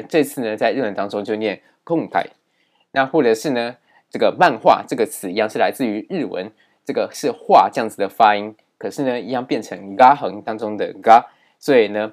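A man teaching a language lesson in a steady explaining manner, with many fillers. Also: medium pitch.

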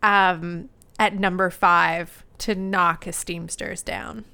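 Slow-talking New Jersey woman co-host. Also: lowish voice, steady tone, sharp tone, clear, resonant tone. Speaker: podcast co-host. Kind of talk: casual chat.

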